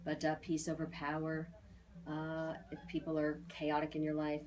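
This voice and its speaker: A woman in her forties with a slightly low, darkish voice does an informal aura reading for clients, speaking at a moderate pace. She chats along emphatically and repeats key phrases to drive them home, yet her delivery stays completely flat.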